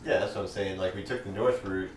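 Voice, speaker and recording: A man's voice: low-pitched, fairly even intonation, fast talker, a crowd in the background. A man playing a tabletop game, talking over plans casually with the group. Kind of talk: casual chat. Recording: roomy, distant from the mic.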